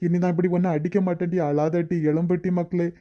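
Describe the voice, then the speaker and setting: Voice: medium pitch, little pitch movement, highs cut off, close to an everyday voice. A voice actor voicing a guilty village father in a cartoon, begging his wife's forgiveness. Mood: pleading, coaxing. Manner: quick, guilty, pleading. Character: remorseful village father, rough but sorry. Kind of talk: cartoon voice acting.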